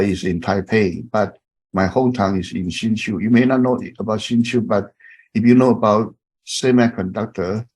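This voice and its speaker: A professor from Taiwan, in his fifties, greets an online class with a lowish, slightly mellow voice and a Taiwanese accent. He speaks haltingly, frequently using fillers and starting sentences over.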